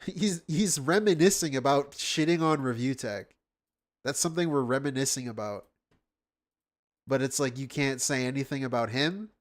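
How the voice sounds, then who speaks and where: A man hosting a reaction stream, commenting sarcastically and scoffing at what he watches. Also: mid-range voice.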